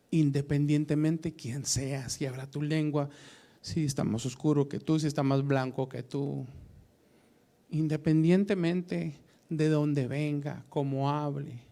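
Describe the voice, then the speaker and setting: Slow, gravelly-voiced male pastor preaching. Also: on the high side, warm tone. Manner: slow, emphatic preaching with pauses. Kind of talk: Bible study sermon.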